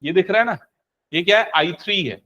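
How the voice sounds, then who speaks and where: A young man teaches maths to a class. He has a high, bright voice and keeps quizzing his students, then answers his own questions. He slips English terms into Hindi as he goes. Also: brisk, dull audio. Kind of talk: live classroom lesson.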